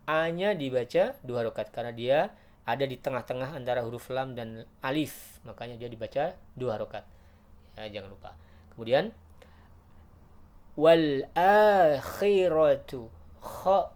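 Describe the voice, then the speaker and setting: A man teaching Quran recitation rules in a patient, explaining way, breaking into loud drawn-out chanted verses. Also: medium pitch. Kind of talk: tajweed lesson with recited examples.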